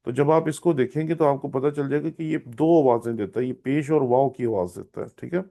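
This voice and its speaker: An older man teaching a class, slowly reciting letters and vowel sounds and checking in with "theek hai na". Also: medium pitch, warm tone. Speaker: Hebrew teacher. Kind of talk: classroom lesson.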